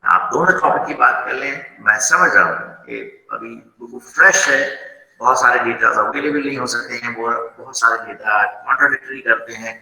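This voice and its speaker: Male Indian faculty, gravelly voice, mixes Hindi and English, echoey call audio. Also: mid-range voice, very animated, normal speed, bright, forceful tone. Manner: mixes Hindi and English, addresses students as beta. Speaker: faculty moderator. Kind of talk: online class feedback. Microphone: video call. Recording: roomy video call audio.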